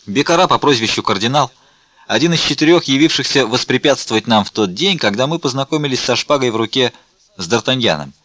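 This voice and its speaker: Guy voicing a big hearty musketeer, dignified, bright and dry. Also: medium pitch, expressive, fast talker, no room sound, voice pushed up, lightly acted. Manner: bluff, dignified. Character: big hearty noble male musketeer giant.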